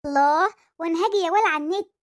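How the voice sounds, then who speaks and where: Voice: extremely high pitch, rapid-fire. A performer voicing a teasing, doting middle-aged Egyptian mother in a cartoon, with an Egyptian accent. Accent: Egyptian Arabic. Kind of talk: cartoon voice acting.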